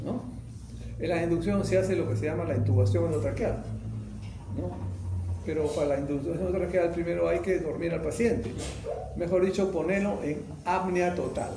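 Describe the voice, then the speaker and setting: A man's voice: fairly high pitch, dark tone. A middle-aged man teaching an anesthesiology class, who keeps checking in with his students by asking whether they follow. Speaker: anesthesiology lecturer. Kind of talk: classroom lecture. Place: lecture room. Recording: echoey classroom with faint background noise.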